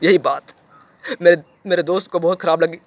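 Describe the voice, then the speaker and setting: Young man, high pitched, audition monologue, repeats for emphasis, dry close sound. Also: steady tone, a little fast, dry recording. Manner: repetitive, emphatic storytelling with sudden swells and drops. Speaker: actor performing an audition monologue. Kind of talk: dramatic monologue storytelling.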